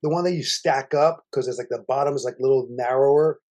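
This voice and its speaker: A man co-hosting a casual movie review chat, rambling and animated, with many restarts. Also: medium pitch, quick pace. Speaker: podcast co-host.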